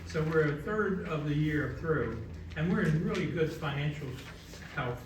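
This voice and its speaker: Higher-voiced man reading a treasurer's report. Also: animated, unhurried, noisy background. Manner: easygoing, with light laughs. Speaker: city treasurer. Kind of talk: financial report at a council meeting. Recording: echoey council chamber, distant mic.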